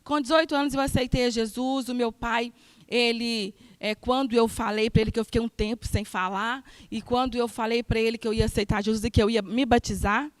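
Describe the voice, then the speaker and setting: A woman giving a sermon testimony in church, earnest and emphatic, moving between soft and loud passages. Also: a little high, steady tone, fairly quick, dry recording. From Brazil.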